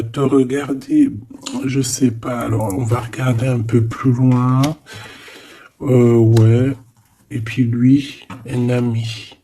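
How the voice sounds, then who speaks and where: In a mellow, medium-pitched voice, a male tarot reader hosts an offhand, improvised session. He keeps circling back over the same phrases, hesitates often, drops "hein" again and again, and speaks to the listener like a friend.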